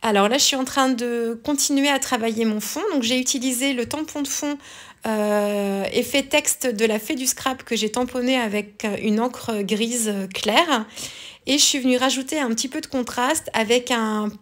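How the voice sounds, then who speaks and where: A woman's voice: fairly high pitch, normal speed. A woman hosting a craft tutorial in a casual voice-over, chatty and full of hesitations and small self-corrections. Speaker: scrapbooking tutorial host.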